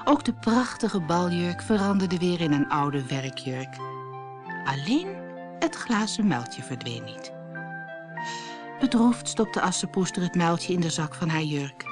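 A woman narrating a fairy tale as a storybook read-aloud, expressive and lively. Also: on the low side, slow, over music.

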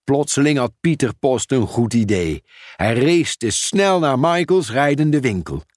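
A man reading a children's storybook aloud in a measured, expressive way. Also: mid-range voice, no room sound, clean studio sound. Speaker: narrator.

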